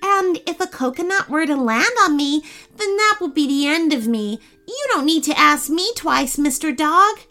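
Woman doing a high, prim little pickle girl. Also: expressive, normal speed, hardly any pauses, sharp tone, faint music behind, exaggerated voice. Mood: polite. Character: tiny female pickle, polite and timid.

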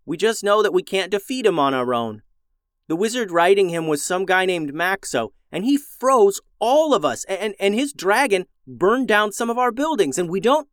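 Man playing a nervous young boy, stammering, anxious, high and loud. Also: sing-song, normal speed, clean tone, no echo, studio quality.

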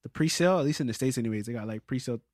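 A man's voice: medium pitch, rapid-fire, a little mellow, no echo. A young man, chatting casually with friends in agreeable, slangy frat-bro talk. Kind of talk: casual chat among friends.

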